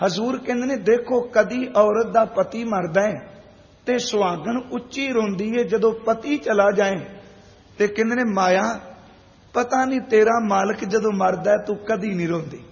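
A man giving a Sikh sermon, telling stories and slowly chanting verses in a sing-song way. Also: high-pitched. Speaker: preacher. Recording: dull long reverb.

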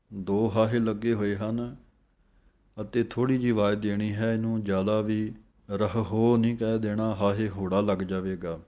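A man teaching how to pronounce scripture, reciting lines slowly and then explaining each letter and vowel mark carefully. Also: fairly low pitch, mellow. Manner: slow, careful, spells out letters and vowel marks. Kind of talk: pronunciation lesson with slow chanted recitation.

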